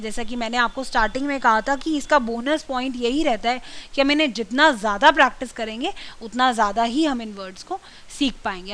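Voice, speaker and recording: A woman's voice: on the high side, pushed and bright, rough recording. A woman, teaching a communication skills class and explaining step by step. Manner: explanatory, drills words with exaggerated stress. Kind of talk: classroom lecture mixing Hindi and English.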